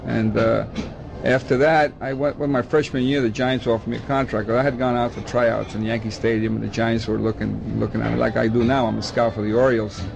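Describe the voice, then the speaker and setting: An older man with a gravelly, creaky voice, recalling his past in a long, rambling interview. He often restarts and repeats words. A vehicle can be heard faintly behind him. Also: mid-range voice, level tone, fairly quick. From Dominican Republic. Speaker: baseball scout. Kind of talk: oral history interview.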